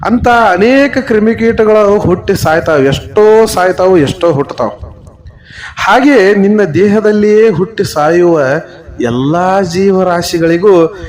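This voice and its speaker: Slow, high-voiced North Karnataka storyteller man. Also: a little mellow. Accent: North Karnataka Kannada. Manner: slow, emphatic, addresses listeners directly. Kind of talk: devotional storytelling.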